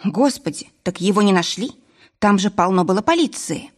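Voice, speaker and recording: A woman voicing a nervous young woman, a former ballerina, speaking in an anxious, higher voice. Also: animated, normal speed, a little mellow, natural voice. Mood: alarmed.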